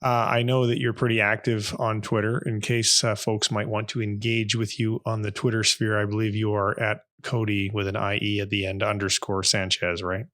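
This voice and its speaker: A fairly low-voiced man hosting a podcast and chatting casually with his guest. He rambles with plenty of ums and pokes fun at himself as he goes. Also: flat delivery, normal speed, hardly any pauses, a bit bright. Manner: self-deprecating, rambling with fillers. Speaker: podcast host. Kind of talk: casual interview chat.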